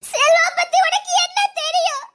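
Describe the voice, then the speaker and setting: In a melodramatic scene from a family drama, an actress plays a grieving young woman speaking with her friend, her delivery emotional and tearful. Her voice is extremely high and moves at a moderate pace.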